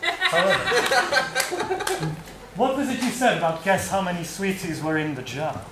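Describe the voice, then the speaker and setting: A man's voice: high voice, wildly swooping pitch, normal speed, roomy sound, heavy background noise, exaggerated voice. A man improvising a pompous, devious adventurer with a grandiose, theatrical manner, live on stage. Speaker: improv comedian.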